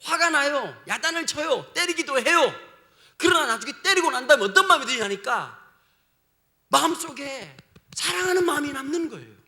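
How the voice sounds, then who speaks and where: A male pastor delivering a sermon in a playful, colloquial manner, tossing questions at his listeners. His voice is strikingly high and bright, swinging widely in pitch as he talks. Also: expressive, normal speed. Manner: humorous, slangy, asks the congregation questions.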